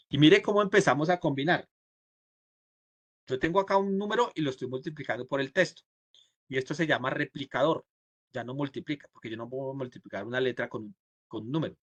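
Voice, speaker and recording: A man from Colombia walks his class through code one step at a time, often stopping to ask if everyone follows. His voice sits in a middle pitch, and the sound is dry, with no room echo. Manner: explains step by step, asks students ¿sí? and ¿cierto?; acts out the computer's replies in quotes. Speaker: programming instructor. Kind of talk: live coding class.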